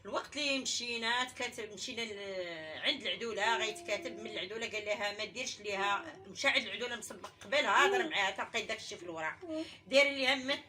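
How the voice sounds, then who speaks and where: A woman's voice: mid-range voice, rapid-fire, pushed and bright, slight background noise. A middle-aged woman with a Moroccan Arabic accent, making an urgent, pleading public appeal as an interviewee.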